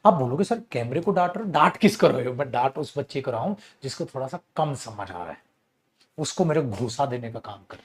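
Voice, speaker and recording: Teaching English grammar in an online class, a man with a Hindi accent is animated and scolding, calling his students beta. His mid-range voice moves a little fast.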